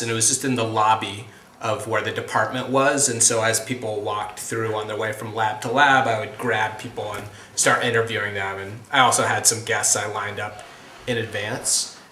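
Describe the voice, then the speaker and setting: A man's voice: fairly low pitch, bright, forceful tone. A man being interviewed, talking in a casual, playful way and rambling with many restarts. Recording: echoey room with faint noise.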